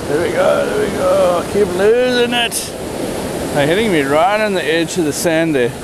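A man talks to himself as he fishes from wind-swept rocks. He mutters his running commentary and eggs the fish on in short bursts. The voice is caught by a body-mounted action camera, half buried under loud crashing waves and wind. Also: high voice, expressive. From South Africa. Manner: mutters to himself, urging fish on with quick exclamations. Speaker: angler filming himself. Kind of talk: casual running commentary while fishing. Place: windy rocky seashore outdoors.

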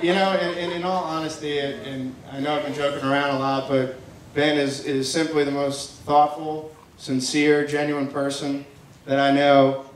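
The best man, a young adult with a slightly high voice, teases his friends affectionately in a halting, joking wedding toast delivered flatly. A distant camera records his handheld PA mic echoing around a large tent at night. The guest-filled space is noisy, with a faint crowd audible.

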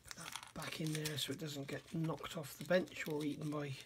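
A man's voice: a little high, flat delivery, normal speed, noisy background. A middle-aged man reviewing a scale model kit at his workbench, thinking aloud and often questioning himself. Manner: musing, self-questioning, admiring. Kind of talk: casual hands-on kit review. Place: workbench indoors.

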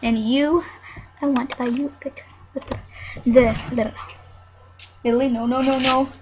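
A woman's voice: high-pitched, fairly even intonation, measured pace, background noise. A young woman chatting casually while playing a life simulation game, scolding her barking dog now and then, with keyboard clicks behind her. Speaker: gameplay narrator.

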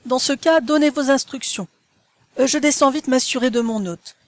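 An impulsive young lady, put on by a woman narrating an audiobook, gushes in a breathless, lifted voice. She talks in quick exclamations. The recording is dry and close. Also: high voice, no echo, voice pushed up, lightly acted. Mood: eager.

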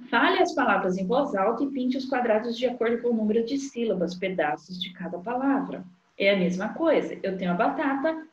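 A woman teacher, talking young children through a literacy worksheet in a slow, sing-song way. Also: medium pitch. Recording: dull, echoey room sound.

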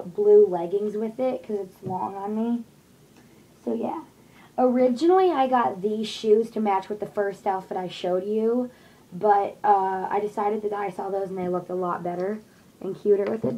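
Recorded close up on a desk webcam, a young woman with a mid-range, dark-toned voice rambles through her shopping haul in her small bedroom with posters on the walls, using lots of fillers. The highs are cut off and there is slight background noise.

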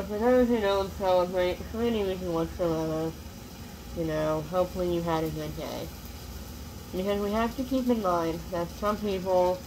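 A woman's voice: on the low side, noisy background. A young woman chatting casually while cooking in a small home kitchen, rambling with many fillers and restarts, filmed on a phone close up. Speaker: cooking vlogger. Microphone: phone camera close up.

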